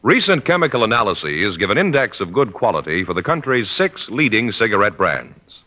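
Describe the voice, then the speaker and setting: Emphatic, lively-pitched male announcer. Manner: emphatic, measured delivery. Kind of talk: 1950s radio announcing. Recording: dull old radio broadcast.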